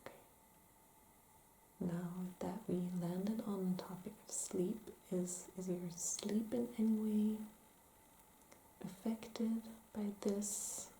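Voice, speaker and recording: A woman playing a calm, gentle therapist in an ASMR role-play, asking careful, hesitant questions in soft-spoken ASMR style. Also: medium pitch, takes it slowly, vocal fry. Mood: calm, attentive. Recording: roomy echo, faint background noise.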